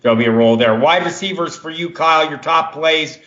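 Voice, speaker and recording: A man's voice: fairly high pitch, a little fast, fairly bright tone, reverberant, dull audio. A man hosting a fantasy football podcast, steering the talk and passing to his guests. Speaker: podcast host. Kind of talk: casual podcast chat.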